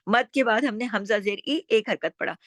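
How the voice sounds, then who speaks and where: Lady teaching quran recitation, bit high voice, dry close sound, stretches the words out. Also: a bit bright, dry recording. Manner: explains slowly, then chants words drawn out. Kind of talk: step-by-step recitation lesson.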